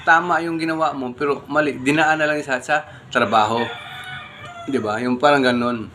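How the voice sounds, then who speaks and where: A man's voice: on the high side, brisk, bright, forceful tone, slight background noise. A man talking casually to his viewers in a vlog, asking rhetorical questions and calling them "guys" again and again. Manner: conversational, keeps saying "guys", rhetorical questions. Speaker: vlogger. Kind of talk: casual morning vlog talk.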